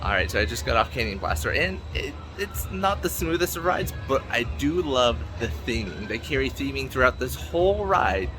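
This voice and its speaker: Man, animated pitch, casual theme park vlogger, enthusiastic and informal, outdoors, loud music behind. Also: normal speed, hardly any pauses. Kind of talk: casual vlog commentary.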